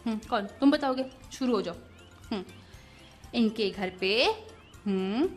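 A woman hosting a children's show, chatting to the kids and a puppet companion. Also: fairly high pitch. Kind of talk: talking to children.

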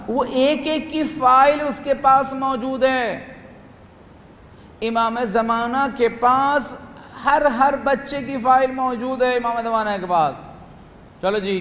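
A man preaching to a gathering, animated, acting out little scenes and asking the audience questions, rising loud and dropping soft. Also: high voice. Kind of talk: religious talk to young people at a retreat. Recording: echoey hall with faint room noise.

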